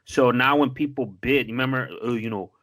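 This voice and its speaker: A man's voice: mid-range voice, steady tone, a little fast, a bit bright. A married man co-hosting a podcast, telling a story in loose, profane casual chat with lots of fillers and restarts. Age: adult, married. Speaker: podcast co-host.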